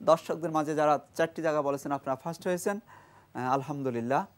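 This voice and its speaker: A man's voice: a little high, fast talker. A man with a Bangladeshi Bengali accent teaching Quran reading on a TV studio show, quizzing pupils, praising right answers and drilling syllables for them to repeat. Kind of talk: studio quiz lesson with a class.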